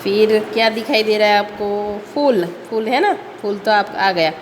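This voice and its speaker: A woman teacher explaining a grammar lesson, reading examples slowly and asking the listener rhetorical questions, slipping English words into her explanation. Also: mid-range voice. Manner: slow, deliberate reading with frequent pauses and rhetorical questions. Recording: long reverb, faint ambient noise.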